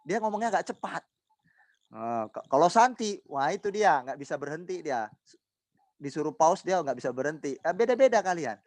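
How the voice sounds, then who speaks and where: A loud, emphatic man preaching to a youth group over a video call, teasing members by imitating their voices. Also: a little high, very animated, moderate pace, no echo. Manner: loud, emphatic, says he talks loudly. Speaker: pastor teaching a youth group. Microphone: laptop mic on a video call.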